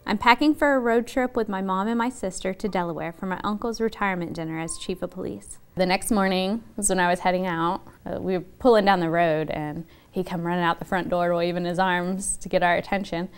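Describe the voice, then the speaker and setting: A woman being interviewed for a documentary, recounting in a halting, soft-spoken way with many pauses. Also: on the low side, steady tone, smooth. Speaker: interviewee, widow.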